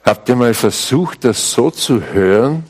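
A man preaching a sermon to a live congregation, emphatic and deliberate, with wry asides to his listeners. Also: mid-range voice, lively intonation, darkish tone. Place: church service before a live congregation.

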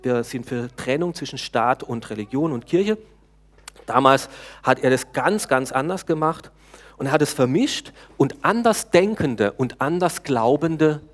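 Speaking at a typical middle pitch for a man, this preacher addresses his congregation conversationally, in an easygoing sermon. Frequent hesitations and the occasional restarted phrase punctuate his delivery, and he directs questions at those listening.

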